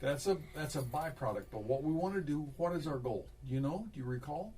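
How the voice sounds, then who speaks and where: A man's voice: on the high side, animated, fairly quick, mellow, far from the mic, a little hiss or hum. A man giving a one-on-one singing lesson, coaching and demonstrating exercises, repeating himself as he explains. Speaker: voice teacher.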